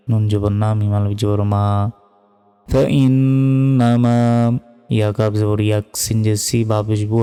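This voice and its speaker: A man teaching Quran reading, spelling out Arabic words letter by letter in a slow, measured way and chanting the verses. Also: fairly low pitch, dark tone, clean tone, in a large hall.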